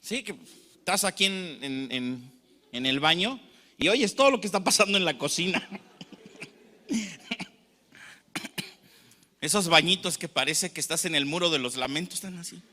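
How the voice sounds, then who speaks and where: In a large hall, a pastor with a Mexican Spanish accent preaches a sermon, telling anecdotes and acting out the people in them. His voice is a little high, bright and forceful, with lively intonation, an unhurried pace, and frequent pauses.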